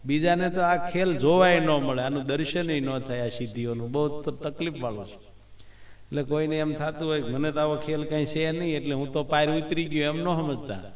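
Preacher in an echoey hall. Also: male voice, fairly high pitch, steady tone, normal speed. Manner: conversational, asks listeners "understood?". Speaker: religious speaker. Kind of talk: devotional discourse. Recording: echoey room, far from mic.

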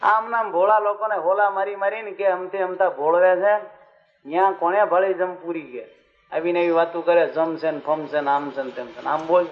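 A man's voice: high voice, steady tone, normal speed, dull audio, close to an everyday voice. A man voicing a mocking village skeptic who sneers at belief, within a spoken story. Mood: scoffing. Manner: scoffing.

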